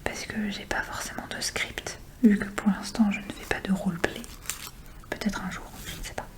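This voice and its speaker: A woman whispers right up by the listener's ear in a breathy, unvoiced voice. She talks in an informal, chatty ASMR show-and-tell style, keeping everything soft and intimate. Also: mid-range voice, steady tone, normal speed. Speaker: ASMR video creator.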